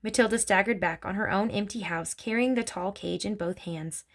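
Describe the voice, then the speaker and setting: A woman reading a children's story aloud in an expressive storytelling manner. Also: mid-range voice, normal speed. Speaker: narrator.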